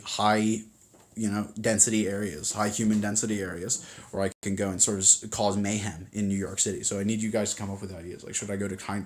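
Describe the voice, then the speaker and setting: A man talks into a phone as he hosts a casual livestream, rambling from point to point and reading viewer comments aloud. He is full of fillers and restarts, and his voice sits on the low side. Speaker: livestream host.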